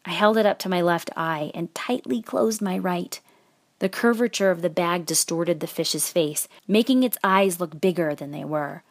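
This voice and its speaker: A woman podcast host reading a personal story aloud in a measured, expressive storytelling way. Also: lowish voice, no room sound, clean studio sound.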